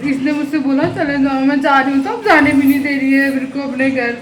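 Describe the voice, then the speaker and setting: A woman's voice: high-pitched, steady tone, quick pace. A woman filming a casual home vlog, teasing and mock-sulking at a child, often repeating herself and talking to her viewers. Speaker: family vlogger talking to viewers. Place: inside a home, near stairs. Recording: echoey room with background noise.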